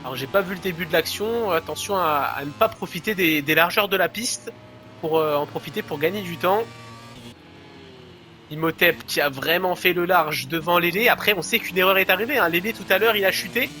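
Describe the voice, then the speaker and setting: A man's voice: sits high, a little fast, sharp tone, slight background noise. A man giving live play-by-play as a motorsport commentator on a motorcycle racing game.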